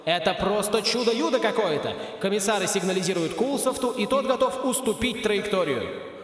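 A man voicing an excited male sports commentator calling a broom race in rapid, gushing play-by-play. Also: high voice, heavy reverb, long reverb tail, pitched above the performer's own voice.

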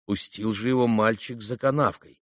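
A man narrating a classic novel in an even, measured audiobook reading. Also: on the low side, no room sound, studio quality.

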